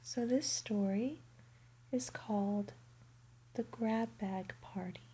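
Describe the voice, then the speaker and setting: A woman doing a bedtime ASMR roleplay in a soft, soothing whisper. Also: mid-range voice, takes it slowly, breathy edge, poor audio.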